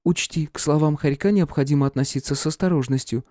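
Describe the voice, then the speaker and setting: A man voicing a young noblewoman, soothing and gently scolding toward her pet. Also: on the high side, quick pace, no room sound, studio quality, voice pushed up, close to an everyday voice. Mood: protective.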